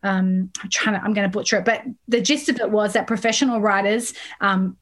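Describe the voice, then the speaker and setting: A woman in her thirties, a songwriter being interviewed, talking in a chatty, animated way with frequent laughs. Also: medium pitch, fairly quick. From Australia. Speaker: songwriter guest. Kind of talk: casual interview chat.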